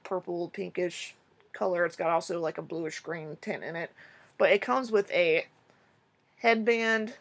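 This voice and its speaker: A young woman chatting casually in a rambling, excitable way as she shows off her shopping haul to the camera. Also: medium pitch. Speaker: vlogger. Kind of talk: casual haul video chat.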